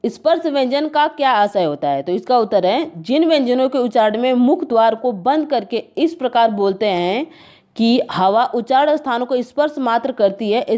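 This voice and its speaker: Woman exam tutor, higher-pitched but mellow voice, steady explain-and-repeat delivery. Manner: addresses viewers as friends, repeats "okay" between points. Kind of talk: exam answer walkthrough.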